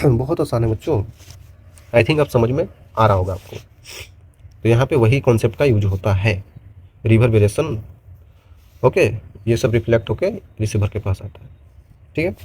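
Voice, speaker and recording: A man's voice: medium pitch, lively intonation, moderate pace, long pauses, darkish tone, breathy edge. A man teaching a physics lesson to students, explaining step by step and mixing in English terms while addressing them as children. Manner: explains with repeated gestures and "bachon" asides, mixes Hindi and English. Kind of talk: classroom lecture to students.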